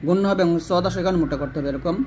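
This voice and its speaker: A man teaching Quran recitation rules in an online lesson, asking and answering his own questions and drawing out example syllables slowly. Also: high voice, darkish tone, a little hiss or hum.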